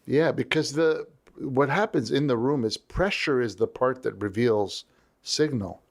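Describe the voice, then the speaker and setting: A man as an interview guest, talking in a lively storytelling way and acting out the voices he quotes. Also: mid-range voice, unhurried, creaky. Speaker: leadership strategist guest. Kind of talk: conversational interview.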